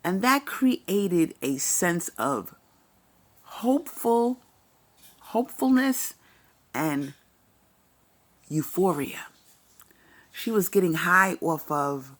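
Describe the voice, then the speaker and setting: A woman talks through celebrity gossip in an unhurried, opinionated way. Her lower voice moves through a wide, expressive range. She is blunt and profane, and she states her views like settled fact. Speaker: commentary vlogger. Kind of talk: casual celebrity gossip commentary.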